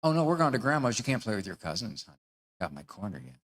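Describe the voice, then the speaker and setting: A man playing a calm, unbending parent who talks softly in a sing-song way. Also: on the low side, fast, pitched below the performer's own voice.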